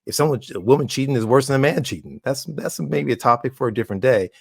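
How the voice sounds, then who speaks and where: A man's voice: medium pitch, fast, gravelly, slightly rough, no echo, clean studio sound. A man co-hosting a podcast, musing aloud in a thoughtful, hedging way. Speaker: podcast co-host. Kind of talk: casual podcast chat.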